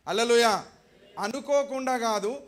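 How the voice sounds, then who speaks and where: A man preaching, his voice pitched high and never resting on one tone. He tells the story as though he were in it, slips into the voices of its people and keeps throwing questions back at the congregation. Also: unhurried. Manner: dramatic storytelling, acting out characters' voices. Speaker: pastor. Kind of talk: sermon.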